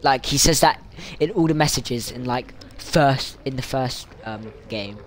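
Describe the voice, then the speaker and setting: Gamer guy, casual let's play, gets hyped and yells at the screen, faint noise behind. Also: mid-range voice, unhurried. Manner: excitable, exclaims and reacts loudly. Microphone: headphones, at home in the dark.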